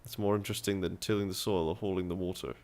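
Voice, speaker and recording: A man reads a game's dialogue aloud, voicing a scheming middle-aged town merchant in a persuasive, businesslike way with put-on accents. His voice sits low and darkish, steady in tone, and he speaks fast.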